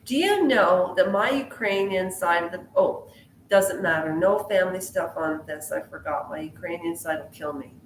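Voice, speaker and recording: A woman vlogs pop culture commentary in a chatty, rambling way, jumping between tangents and quizzing her viewers. Her voice is lowish at normal speed, recorded in an echoey room with a little hiss or hum.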